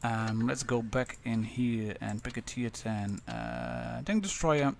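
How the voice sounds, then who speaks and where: A Dutch man with a Dutch accent, casually commentating a live game stream with many pauses and restarts. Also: mid-range voice, gravelly, a little hiss or hum. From Netherlands.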